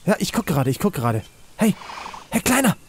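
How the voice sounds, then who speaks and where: Ein Mann, der aufgeregt ein Spiel kommentiert, in Panik ruft und fleht und viel Jugendslang benutzt. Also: male voice, high-pitched, brisk, breathy edge. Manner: excitable, shouts and pleads in panic, youth slang. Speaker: let's play host. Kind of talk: excited gaming commentary.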